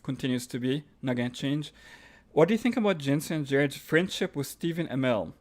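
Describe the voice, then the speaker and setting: This Egyptian live-stream host, speaking with an Egyptian accent, reads out questions from viewers and responds casually, using fillers and restarting sentences. His mid-range, darkish voice has lively intonation and moves a little fast.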